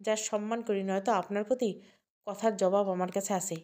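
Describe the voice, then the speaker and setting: A woman's voice: mid-range voice, steady tone, a little fast, warm tone, lightly acted. Hurt young woman holding back tears, defiant, read by a woman. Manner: tearful, defiant.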